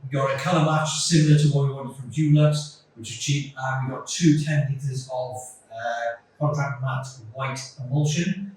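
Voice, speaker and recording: A man's voice: mid-range voice, fairly even intonation, normal speed, darkish tone. A man, a carpenter by trade, casually explaining his renovation work step by step as he goes. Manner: practical, explaining steps as he works. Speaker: builder and carpenter. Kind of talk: casual DIY vlog narration. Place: bungalow room under renovation, indoors. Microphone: phone held while working. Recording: echoey bare room, faint noise.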